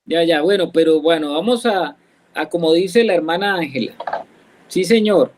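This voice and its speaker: A Colombian man with a notably high voice leads a church Bible study. He explains each verse patiently and keeps putting questions to his listeners. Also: expressive, normal speed, low-quality recording. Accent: Colombian Spanish. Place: church, class also joined online.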